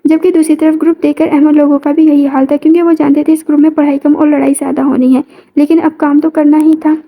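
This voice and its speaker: A woman's voice: high voice, level tone, fast talker, warm tone. A woman narrating a romantic novel and reading every character's lines herself. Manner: reads all characters in her own voice. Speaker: audiobook narrator.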